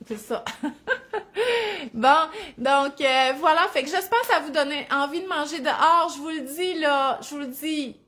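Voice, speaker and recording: A woman in her thirties with a Saguenay Quebec French accent, chatting casually to viewers, laughing easily and filling pauses. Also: high-pitched. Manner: chatty, warm-hearted, laughs easily, many fillers. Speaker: family lifestyle vlogger.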